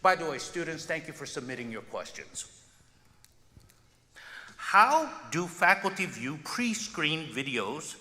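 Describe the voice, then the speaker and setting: In a reverberant hall full of long echo and background noise, this man, a festival director acting as forum host, addresses the crowd in a casual, emphatic, talkative style. His medium-pitched voice sounds pushed and bright.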